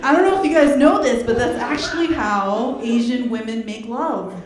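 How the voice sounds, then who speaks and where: A young woman with a voice on the high side performs a stand-up set on a club stage, speaking at a moderate pace into a handheld mic. She is animated, laughs between jokes and puts on voices for bits. The recording is very noisy, capturing a roomy club full of audience laughter.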